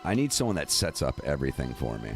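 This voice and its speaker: A man's voice: extremely low pitch, sing-song, fast talker, faint music behind. A man hosting a casual podcast, talking in a loose, profane way and repeating himself as he goes. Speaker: podcast host. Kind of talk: casual chat.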